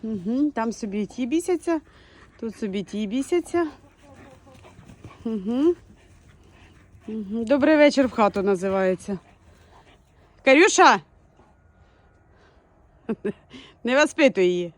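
A woman from Ukraine, a dog breeder, chatting casually outdoors in a village yard and shouting her dogs' names between laughs. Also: a little high, expressive, a little slow, pauses often. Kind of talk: casual vlog commentary.

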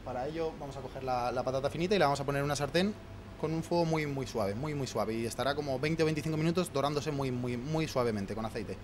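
A man's voice: medium pitch, noisy background. A man, a head chef explaining his recipes in a restaurant kitchen into a handheld mic, with many restarts and fillers. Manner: fast, many restarts and fillers while listing ingredients. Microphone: handheld mic held by interviewer.

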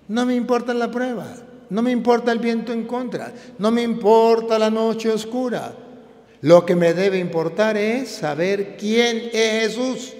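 A high-pitched male priest preaches with emphatic, repeated phrases. His words ring out through a large hall with a long reverb. He builds each point by stacking up repeated lines. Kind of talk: sermon.

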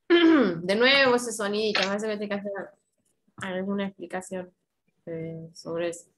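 The audio is poor, with a slight hiss or hum, as this mid-range female voice teaches English online. Speaking with an Argentine Spanish accent, she models words carefully and coaches pronunciation slowly, patiently and encouragingly.

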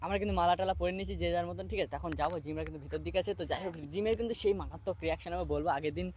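A young man talks at a rapid clip as he hosts a prank vlog, mixing in English words. A crowd murmurs clearly behind him. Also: sits high. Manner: fast, chatty, switching to English fillers. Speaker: vlogger host. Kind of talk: casual prank vlog chat. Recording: crowd noise in the background.

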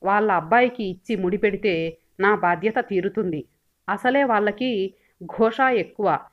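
A stern village father lays down the law in a firm, dismissive way, as a woman reads him in an audio story. The voice sits at a middle pitch. The recording is dull and lo-fi. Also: normal speed, natural voice.

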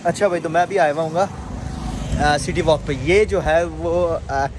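Young man, rambling filler-heavy chat, slightly high voice, city street noise. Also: steady tone, unhurried. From Pakistan. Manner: chatty, fills with "jo hai wo" constantly. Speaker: vlogger. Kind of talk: casual walking vlog. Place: outdoor city streets and beach at night. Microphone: phone held at arm's length.

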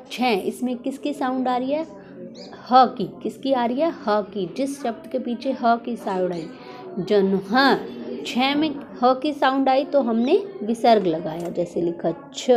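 A woman's voice: on the high side, dark tone. A woman teaching a primary school Hindi lesson, drilling sounds syllable by syllable and asking the class questions. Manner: slow, drawn-out syllable drills with call-and-response questions.

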